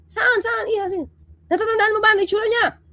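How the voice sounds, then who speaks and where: A woman playing a police officer who fires off quick probing questions at a complainant. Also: very high-pitched, steady tone, pushed and bright, no room sound, clean studio sound, voice pushed up, full character voice.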